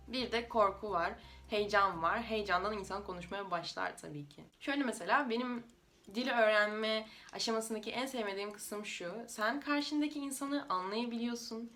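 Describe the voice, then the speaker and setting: Speaking Turkish like a foreigner, slightly unidiomatic and with a Russian accent, a native Russian woman explains things casually for her language-learning videos. Her voice sits at medium pitch with a fairly bright tone.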